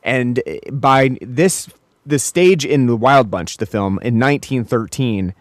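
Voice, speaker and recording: A man's voice: mid-range voice, unhurried, no echo, studio quality. A man co-hosting a podcast, chatting casually about a film, rambling with many restarts and fillers. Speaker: podcast co-host.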